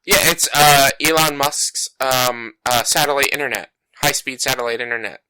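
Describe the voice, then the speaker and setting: On a casual gaming podcast, a bassy-voiced male co-host chats in a rambling, self-deprecating manner with lots of fillers. His tone is sharp and clean at a moderate pace, captured on a home podcast mic with poor audio.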